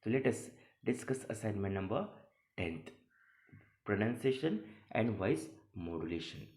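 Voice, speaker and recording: A man teaches an English lesson in an echoey room, reading out an assignment and explaining it like a lecturer, repeating key phrases as he goes. His voice sits on the low side, with a sing-song, unhurried delivery and a darkish tone.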